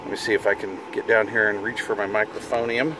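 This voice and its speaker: Fast and level in tone, his fairly low voice fills a parked vehicle where car and fan noise can be heard clearly. The middle-aged hobbyist host runs through a casual hands-on demo, half addressing himself.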